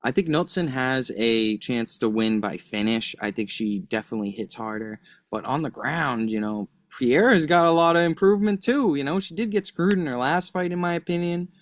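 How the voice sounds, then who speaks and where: Analyst, man, mid-pitched, hedging casual talk, dry close mic. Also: moderate pace, few pauses, dry recording. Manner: hedging, argues his picks with lots of "I think". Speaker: betting analyst. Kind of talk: casual chat.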